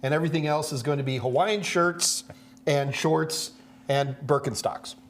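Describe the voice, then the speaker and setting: A man's voice: a little high, moderate pace. A man from the Houston area, hosting a casual live question-and-answer stream in a folksy, joking manner. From Houston, Texas area. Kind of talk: casual livestream chat. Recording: clear background noise with hum.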